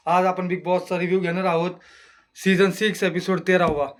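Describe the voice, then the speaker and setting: A man's voice: little pitch movement, fairly quick. A man giving a casual, chatty review of a reality show on his channel, with exclamations and speech. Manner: chatty, exclaims, mimics housemates in lowered voice. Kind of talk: casual solo review monologue.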